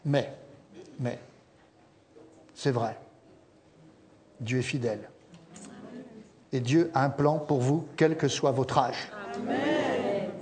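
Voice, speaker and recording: A middle-aged man preaching a sermon as pastor, telling stories lively and acting out quotes with humorous asides. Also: medium pitch, slow pace, long pauses, slight background noise.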